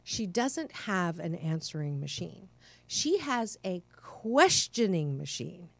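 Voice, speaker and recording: A woman's voice: lowish voice, sing-song, takes it slowly, vocal fry, dry recording. A middle-aged woman hosting a talk show in a bubbly, effusive way, with frequent laughter. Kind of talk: casual interview chat.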